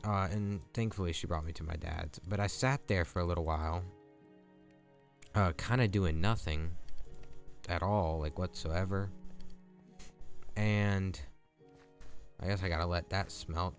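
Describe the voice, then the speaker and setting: A man's voice: low-pitched, steady tone, moderate pace, pauses often. A young man telling a long story in a rambling, chatty way while he plays a game. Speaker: gaming channel host. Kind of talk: casual storytelling over gameplay. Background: background music.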